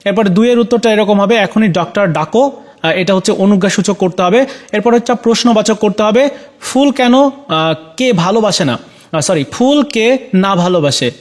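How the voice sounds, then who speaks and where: A man teaching, going through exam answers one by one, talking straight to his students, often pausing on fillers. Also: high voice, lively intonation. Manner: hesitant, many fillers; addresses students directly.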